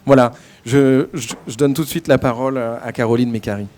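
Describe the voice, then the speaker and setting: A man moderating a conference, introducing speakers in halting, unscripted short phrases full of hesitation. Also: mid-range voice, fairly even intonation, a little mellow.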